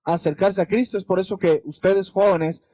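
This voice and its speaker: A man's voice: high voice, steady tone, fairly quick, dark tone, no echo, highs cut off. A man with a Mexican accent preaching a sermon as pastor, talking straight to the congregation with many rhetorical questions. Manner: conversational preaching with direct address and rhetorical questions.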